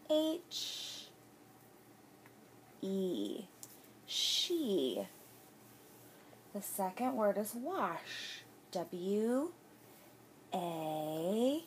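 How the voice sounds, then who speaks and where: A woman giving a slow school-style spelling dictation, deliberately spelling words out letter by letter, as an adult helping a child practise. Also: mid-range voice, a little hiss or hum. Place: small bedroom, indoors.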